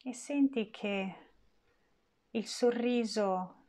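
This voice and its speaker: Slow, gentle woman guiding meditation. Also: fairly high pitch. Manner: slow, gentle, soothing delivery with long pauses. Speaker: meditation guide. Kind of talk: guided meditation.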